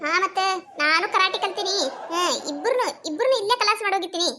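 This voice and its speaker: A woman with a North Karnataka Kannada accent voicing a loud, quarrelsome village wife in a cartoon comedy, scolding, mocking and wailing. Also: very high-pitched, lively intonation, fast talker, a little hiss or hum, exaggerated voice.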